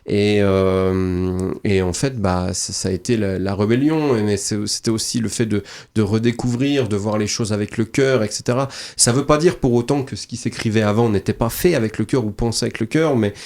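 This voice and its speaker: A man's voice: on the low side, normal speed, darkish tone. A man, the guest poet and author, talking at length on a radio show, with many restarts and repeated words, then lyrical turns of phrase. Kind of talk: radio interview talk. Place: radio studio.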